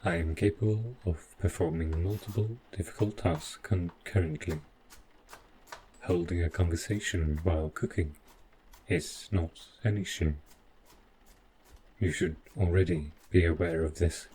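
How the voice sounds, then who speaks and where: In a scripted audio drama, a man plays a polite, devoted robot butler using a low, dark voice with fairly even intonation and a measured pace. He sounds calm and attentive, formal and stiffly precise in a deferential way, while slight background noise and poor audio mar the clip.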